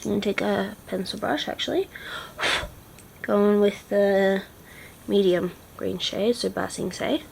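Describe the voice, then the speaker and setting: Gravelly-voiced woman chatting through makeup. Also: medium pitch, takes it slowly, long pauses, a little hiss or hum, rough recording. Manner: chatty, drops into half-whispers while concentrating. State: teary-eyed. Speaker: makeup vlogger. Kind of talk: casual makeup tutorial chat.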